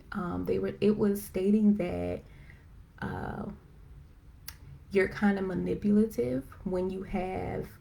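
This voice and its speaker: A woman hosting a live stream, chatting casually and excitedly with lots of fillers, rambling as she goes. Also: mid-range voice, creaky, slight background noise. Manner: excited, self-described as talking fast. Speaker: host of a live video chat. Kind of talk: casual faith-based chat. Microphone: phone or computer for a live stream.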